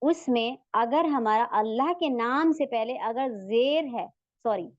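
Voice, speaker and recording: A woman gives a recorded online lesson in a high, unhurried voice. She repeats each sound patiently as a drill and keeps checking in with her learners. The recording is dry and slightly dull. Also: lively intonation, no echo. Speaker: Tajweed teacher.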